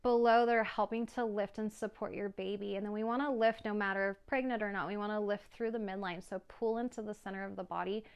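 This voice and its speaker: A woman's voice: mid-range voice, fast talker, creaky, few pauses, smooth. Soothing woman guiding a yoga flow. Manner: calm, soothing cues with soft laughs. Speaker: yoga instructor. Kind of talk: guided yoga class instruction.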